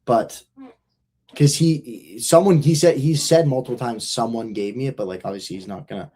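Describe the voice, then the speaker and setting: A man's voice: medium pitch, lively intonation, normal speed, dark tone, slightly rough. Rambling young man chatting casually. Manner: rambling, slangy, profane. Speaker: podcast host. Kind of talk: casual chat.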